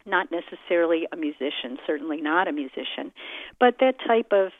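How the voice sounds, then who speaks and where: Through a muffled, phone-like or radio-like narrow-band recording, an American woman in middle age, a concert pianist, gives thoughtful interview responses. She has a low, expressive voice and speaks carefully and deliberately, stopping frequently as she considers her words.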